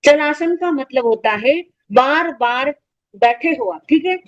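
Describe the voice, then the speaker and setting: A woman with a high, light voice teaches children in an online class. She explains each point patiently and poses questions she then answers herself. The sound is dull and lo-fi. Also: a little slow.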